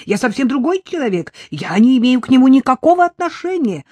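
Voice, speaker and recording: Narrator putting on a shrill, flustered balding man. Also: big pitch swings, brisk, darkish tone, no room sound. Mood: indignant.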